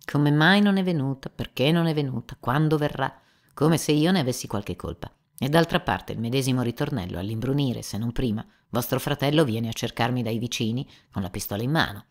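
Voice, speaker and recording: A woman reading an audiobook voices a sly, servile male servant who talks in a smooth, unhurried, faintly ingratiating way. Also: extremely low pitch. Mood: complaining.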